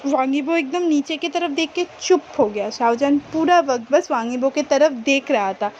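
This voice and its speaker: A woman's voice: sits high, normal speed, a little mellow, lo-fi sound, a little hiss or hum. A woman casually retelling a fan-fiction story in a chatty, colloquial way, with many fillers. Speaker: story narrator.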